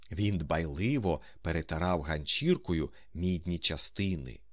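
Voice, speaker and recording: A man narrating an audiobook with expressive, scripted storytelling. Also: sits low, no echo, studio quality.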